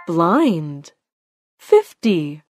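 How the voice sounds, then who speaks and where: Very slow, lilting female bingo caller. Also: on the low side, very animated. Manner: deliberate, announcing in short separate phrases. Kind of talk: bingo calling with rhyming nicknames, announced number by number. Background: music.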